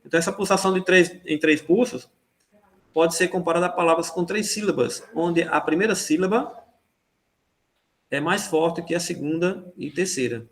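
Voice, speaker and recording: A man's voice: a little high, normal speed. Hesitant man teaching a music class. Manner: hesitant, many fillers and "né?" checks. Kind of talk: online class review. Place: online class.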